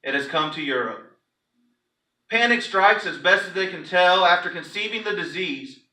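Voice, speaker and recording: A pastor with a high, sharp-toned voice gives an animated, theatrical reading of a story to his congregation at normal speed, hitting it with heavy emphasis. The room is echoey and the microphone sits at a distance.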